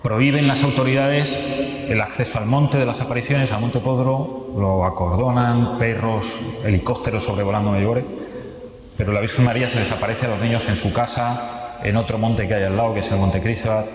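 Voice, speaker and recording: Man with a Spanish accent from Spain, low voice, storytelling talk in a booming hall with long reverb. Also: fairly even intonation, fairly quick, faint music behind. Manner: vivid storyteller, repeats phrases and restarts often. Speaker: speaker giving a testimony.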